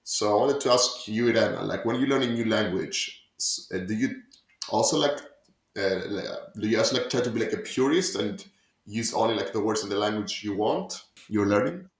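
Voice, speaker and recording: Halting man in an echoey room. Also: on the low side. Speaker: discussion moderator. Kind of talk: casual discussion, asking questions.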